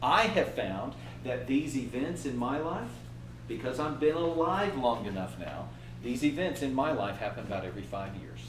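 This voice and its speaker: A man in his fifties giving an animated motivational workshop talk and acting out inner voices. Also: mid-range voice, moderate pace, echoey room, distant mic, background noise. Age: 50s. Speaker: trainer.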